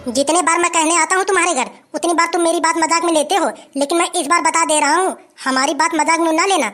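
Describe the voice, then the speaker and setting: A performer voicing an angry old farmer in a who shouts complaints and threats. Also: very high-pitched, fairly even intonation, fast. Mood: angry complaining. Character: grumpy old village man, angry farmer.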